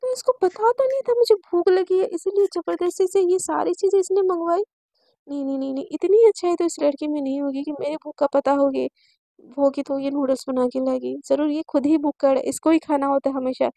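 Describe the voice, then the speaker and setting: A woman's voice: sits high, steady tone, fast, creaky, mellow, no echo. A woman voicing a stern young female teacher who scolds and lectures her students. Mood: puzzled musing. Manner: strict, scolding.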